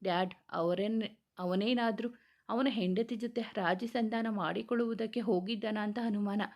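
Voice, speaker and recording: A woman's voice: medium pitch, steady tone, moderate pace, a little mellow, lightly acted. A woman voicing a spoiled, pampered young woman who whines and makes demands, in a read-aloud story. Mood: whiny.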